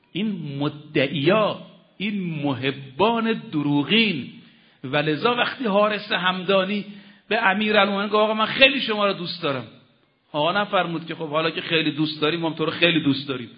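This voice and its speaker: A man preacher giving a sermon from the pulpit, telling stories dramatically with sudden rises and drops in his voice. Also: on the high side. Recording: slightly dull lo-fi audio.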